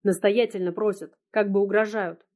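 A broken young man, tearful and desperate, pleading for help, read by a woman in an audiobook. His voice sits in a middling pitch and sounds choked with despair. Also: steady tone, moderate pace, darkish tone, natural voice. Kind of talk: audiobook reading.

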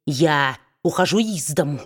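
Brief: sneering low-voiced dwarf man, spiteful and gloating, slow mocking drawl, put on by a woman reading a storybook. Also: lively intonation, breathy edge, full character voice.

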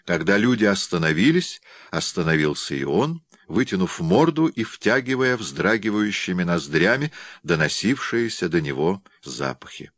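A man narrating a classic novel as an audiobook in a measured, steady reading. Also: low-pitched, dry recording, clean studio sound. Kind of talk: scripted literary narration.

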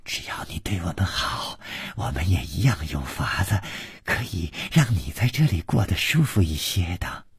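A man's voice: a little high, very animated, slow, long pauses, dark tone, husky, dry recording, clean studio sound, voice pushed up, heavily acted. A man doing a coy giggly girl in crimson.

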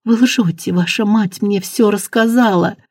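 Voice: mid-range voice, measured pace, darkish tone, slightly rough, no echo, studio quality, pitched above the performer's own voice. Reader voicing a frightened young pregnant maid. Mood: accusing.

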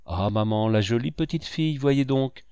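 A man's voice: medium pitch, moderate pace, mellow, clear, resonant tone, no echo, lightly acted. A man voicing a cheerful little rich girl in a storybook reading. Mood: eager.

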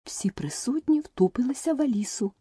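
A woman narrating a storybook audiobook in an expressive, lively way. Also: on the high side, brisk, husky, no echo, clean studio sound.

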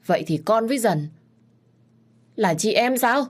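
A woman's voice: a little high, lively intonation, measured pace, pitched above the performer's own voice. Woman playing a bewildered young man. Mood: shocked. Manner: bewildered, pleading. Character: confused young man, the healed son.

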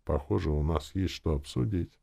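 A man voicing a gruff, good-natured male orc who talks in a rumbling grumble. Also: normal speed, warm tone, full character voice. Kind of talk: audiobook character voice.

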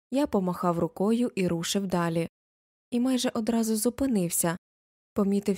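A woman reading a novel aloud as an audiobook narrator, in an even storytelling manner. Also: medium pitch, dry recording, studio quality.

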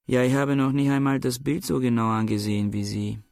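Here is a man doing a cool, reserved accused man in a radio play. He answers in a measured, guarded way, with a very gravelly voice. The sound is close and dry. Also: mid-range voice, steady tone, a little mellow, no room sound, natural voice.

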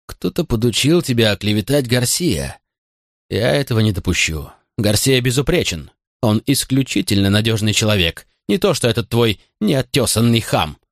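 A man's voice: medium pitch, no echo, studio quality. A man reading an audiobook voices a cold, domineering father who questions his son bitterly and sternly. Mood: furious. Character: cold, domineering middle-aged father, a consul. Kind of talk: audiobook character voice.

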